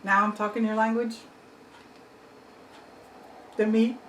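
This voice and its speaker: A woman's voice: on the high side, flat delivery, takes it slowly, a bit bright, distant mic. A woman hosting a casual home cooking vlog, chatting to viewers about the food she made. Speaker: cooking channel host. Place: home kitchen and dining table. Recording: echoey room with clear background noise.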